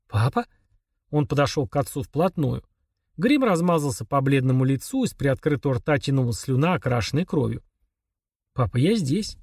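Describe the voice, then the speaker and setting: A man reading a horror novel aloud as narrator, in a slow, dramatic manner with quiet pauses. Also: mid-range voice, husky, dry recording, clean studio sound. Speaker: audiobook narrator.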